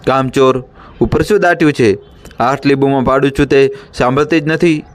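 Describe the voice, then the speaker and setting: A man's voice: steady tone, normal speed, close to an everyday voice. A man doing a harsh scolding village mother-in-law. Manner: shrill, nagging, domineering.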